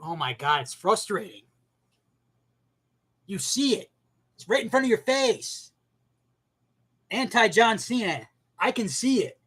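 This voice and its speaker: A man giving a casual, profane rant as an anime commentator, animated and bursting into shouts. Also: sits high, slow pace, pauses often, slightly rough.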